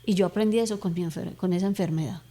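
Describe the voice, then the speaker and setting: A woman's voice: lowish voice, very fast, mellow. A middle-aged woman telling a personal faith testimony in conversation, earnest and emotional, and at times retelling her fervent prayers aloud. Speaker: guest giving a faith testimony.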